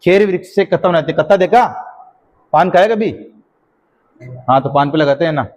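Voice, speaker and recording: A middle-aged man leads an exam-prep class at a fairly high pitch. He dictates slowly, says each phrase several times, and keeps checking that his students are keeping up. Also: a little mellow. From Rajasthan. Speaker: teacher.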